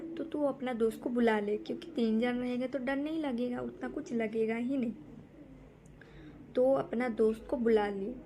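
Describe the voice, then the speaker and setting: A woman's voice: a little high, warm tone, slight background noise. A young woman telling a frightening true story in a casual, rambling way, often repeating herself and restarting sentences.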